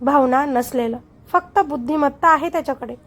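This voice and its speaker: A woman voicing a cold, calm villainous rich man in a storybook narration, speaking with smug, unhurried ease. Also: high voice, close to an everyday voice.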